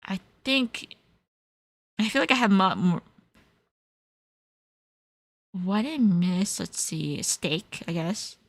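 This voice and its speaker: A woman's voice: mid-range voice, lively intonation, drawn-out words, dry recording. A young woman from California, chatting casually as a stream host, switching between Japanese and English and laughing often. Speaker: livestream host. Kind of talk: casual chat answering viewers.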